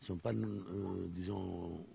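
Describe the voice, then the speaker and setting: An older Sicilian man, speaking French with an Italian accent, earnestly hunts for words while explaining his olive oil in an interview conversation. His voice is low and steady, very slow, with vocal fry. The TV recording is dull and lo-fi, with a little hiss or hum.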